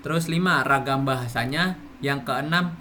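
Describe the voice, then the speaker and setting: A man's voice: mid-range voice, normal speed, sharp tone, slight background noise. A man giving a classroom explanation, speaking with many fillers and restarts. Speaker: presenter.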